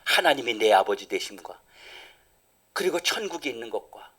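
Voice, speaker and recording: A middle-aged male pastor preaching a sermon, swinging from loud emphatic lines down to near whispers. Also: medium pitch, sing-song, normal speed, husky. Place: church sanctuary.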